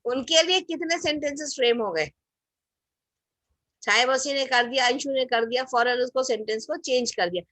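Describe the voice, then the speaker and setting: Over a video call, a woman teaches an online group class, using everyday examples to explain things and asking her group questions. Her voice is high and a little bright, at a normal pace, with no room sound.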